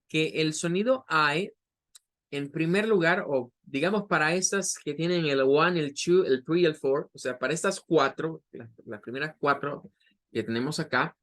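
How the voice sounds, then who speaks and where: Man, English teacher, slow deliberate explaining, repeats words. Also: on the high side, a bit bright. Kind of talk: online pronunciation lesson.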